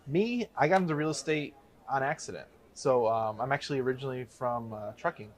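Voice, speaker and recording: A fast-talking man from the Chicago area, a real estate investor appearing as a guest, tells his story in a casual interview. His pitch is medium, and he rambles and corrects himself as he goes.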